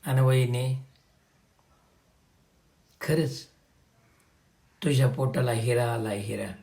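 A man's voice: medium pitch, takes it slowly, gravelly, warm tone. A man voicing a heartbroken old village man who pleads through tears in rustic speech. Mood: grieving. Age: older.

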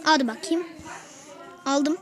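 A woman giving casual gameplay commentary to her viewers, excitable and quick to burst out in frustration. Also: sits high. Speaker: gaming video host.

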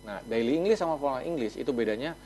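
A man's voice: medium pitch, lively intonation, fast, mellow, a little hiss or hum. Man explaining with many fillers. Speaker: talk show guest, English course representative. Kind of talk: explanatory studio chat. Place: TV studio.

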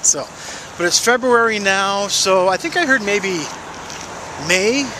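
A man's voice: sits high, takes it slowly, bright, forceful tone. A middle-aged American man giving a casual, rambling walk-and-talk update, musing aloud into a handheld camera outdoors by a road. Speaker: public access TV presenter and weatherman. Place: outdoors beside a busy road and construction fence. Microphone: handheld camera at arm's length. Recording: noisy outdoor roadside handheld recording.

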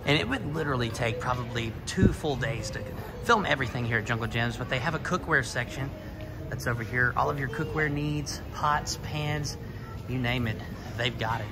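A man's voice: mid-range voice, moderate pace. A man narrating a casual walking tour of a big store on a handheld phone, pointing things out as he goes. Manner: upbeat, points things out as he walks. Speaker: vlog host. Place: large store, then indoors in a car. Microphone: handheld phone camera. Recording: loud music behind the voice.

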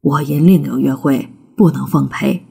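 A woman's voice: rumbling low, fairly even intonation, moderate pace, gravelly, dark tone, breathy edge, pitched below the performer's own voice, heavily acted. A woman voicing a stern, angry old rich father who scolds harshly, in a storybook reading.

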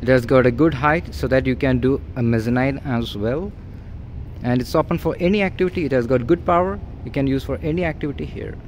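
Briskly and in a mid-range voice, a male agent shows off an empty warehouse on a walkthrough tour, noting its features plainly and repeating himself. The filming person's phone records him, with a bit of background noise.

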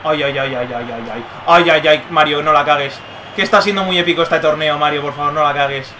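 A young man commentating live on his own football video game match, muttering one moment and yelling the next. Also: on the high side, a little fast, slight background noise. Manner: excitable, swings from muttering to yelling. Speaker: gaming streamer.

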